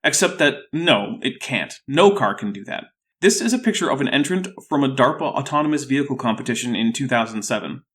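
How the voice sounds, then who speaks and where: A man's voice: medium pitch, expressive, brisk, few pauses, fairly bright tone. A man with a thick, sore-throated voice hosting a scripted rebuttal video in a dry, skeptical way. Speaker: YouTube host.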